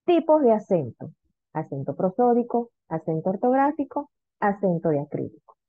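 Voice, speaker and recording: Woman teacher, online lesson, slow repeated example words, tinny phone-like audio, dry sound. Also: medium pitch, sing-song, no echo. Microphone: video call.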